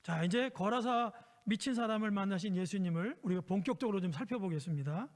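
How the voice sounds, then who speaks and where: A man with a notably high voice preaches to children, telling a Bible story in a gentle, storytelling way and often pausing to ask his listeners questions. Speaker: pastor. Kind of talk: children's sermon.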